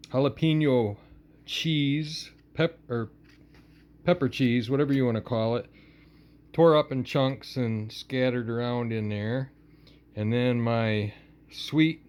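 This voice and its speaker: A man's voice: mid-range voice, a little mellow. A man casually showing off a home-cooked snack in a chatty, folksy cooking vlog from his cabin kitchen, filmed on a handheld phone. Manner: folksy, chatty, unhurried show-and-tell.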